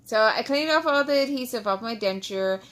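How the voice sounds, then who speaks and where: A woman's voice: fairly high pitch, expressive, normal speed, fairly bright tone. A woman chatting casually to followers in a frustrated, repetitive way, close to the mic, with the speech of someone wearing loose dentures without adhesive. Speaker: vlogger. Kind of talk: casual storytime chat to followers.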